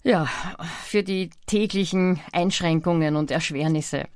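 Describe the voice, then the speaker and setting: A woman with an Austrian accent presenting an amateur radio bulletin, reading club news in an informal, somewhat halting way. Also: fairly low pitch, no room sound, clean studio sound.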